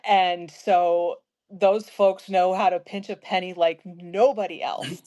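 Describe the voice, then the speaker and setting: A woman in her fifties from South Central Pennsylvania, hosting a casual conversation and telling stories with lively asides. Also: lowish voice, slow. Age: 50s. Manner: storytelling, animated asides. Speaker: host.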